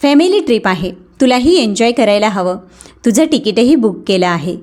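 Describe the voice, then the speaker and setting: Figure: a cold, demanding grown son in an audio story, read by a woman, sharp-tongued, in a fairly high voice. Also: expressive, normal speed, lightly acted. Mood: coaxing. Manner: harsh, shouting at times.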